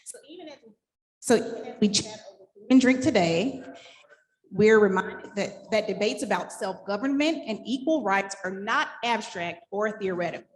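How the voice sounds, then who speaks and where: An upbeat woman hosts a live panel, moving through a scripted introduction and slipping in light laughing asides. Her voice sits at an ordinary middle pitch for a woman. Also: animated, normal speed. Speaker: event host and moderator.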